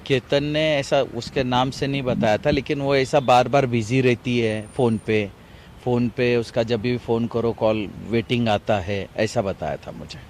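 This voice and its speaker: A grieving middle-aged father speaking in a halting, repetitive way during an outdoor TV interview. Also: mid-range voice, fairly even intonation, darkish tone, a little hiss or hum. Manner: halting, grief-stricken, repetitive. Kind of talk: emotional TV interview.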